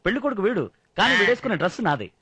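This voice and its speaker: An actor playing an easygoing young village hero who jokes lightly in a dubbed film scene. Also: male voice, sits high, very animated, rapid-fire, bright, forceful tone, breathy edge, exaggerated voice. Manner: light, joking.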